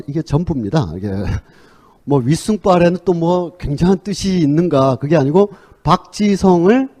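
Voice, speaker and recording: A man giving a conversational public lecture, telling stories with frequent fillers and pauses. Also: mid-range voice, dark tone. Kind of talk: public lecture on sports and culture.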